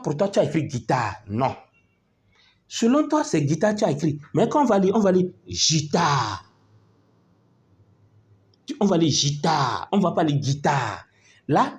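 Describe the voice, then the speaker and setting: A man teaches a phonics lesson at an unhurried pace, breaking words into letters and syllables one at a time. His slightly high voice swings widely in pitch as he stresses each sound. He stops often to ask whether his pupils are keeping up. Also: a little mellow. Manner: patient, spells out letters and syllables, checks pupils follow.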